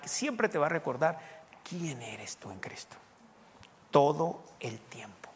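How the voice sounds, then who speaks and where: A man preaching a sermon, talking conversationally and then pushing into loud, emphatic bursts. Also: a little high, long reverb tail. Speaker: pastor.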